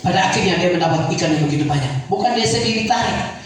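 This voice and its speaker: A man preaching a sermon in a church, animated, calling for amens and bursting into shouts. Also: high-pitched, quick pace. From Indonesia. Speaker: evangelist preacher. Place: church hall with congregation. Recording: very echoey hall, from far off, faint noise.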